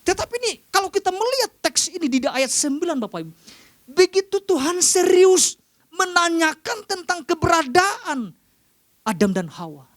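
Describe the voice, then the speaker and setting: A man with an Indonesian accent preaching a sermon to a congregation, often calling out to them and rising sharply in pitch for emphasis. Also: sing-song, moderate pace, a bit bright, no room sound.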